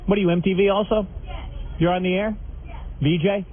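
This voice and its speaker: A man's voice: high voice, steady tone, brisk, narrow, tinny audio, some chatter behind. A man hosting a radio show live from a party, brash and crude, teasing his guests. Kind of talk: live party broadcast banter. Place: crowded formal party room.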